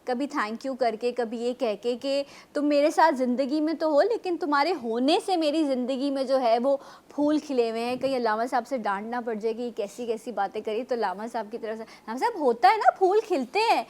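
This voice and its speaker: A woman hosting a television morning show, chatty and lively, with quick asides. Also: sits high.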